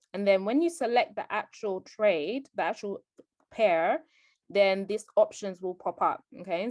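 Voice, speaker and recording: Walking viewers through a trading tutorial, a woman voices over a screen capture with careful explanations and frequent "okay?" check-ins. Her voice is medium in pitch with a darkish tone, recorded dry.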